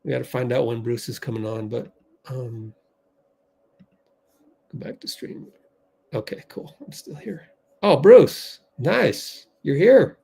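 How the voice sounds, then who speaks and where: A man's voice: medium pitch, fairly even intonation, measured pace, creaky, pauses often, a little mellow, slightly rough. A man hosting a fan livestream, doing play-by-play while he rambles through technical problems. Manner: flustered, rambling, many fillers, talks to himself while fixing tech.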